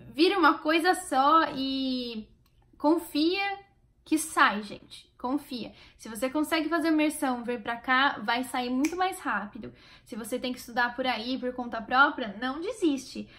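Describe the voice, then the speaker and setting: Brazilian woman vlogger, high voice, chatty and encouraging. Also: lively intonation, slow pace, bright, forceful tone. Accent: Brazilian Portuguese. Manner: chatty and encouraging, speaking straight to viewers. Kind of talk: casual vlog.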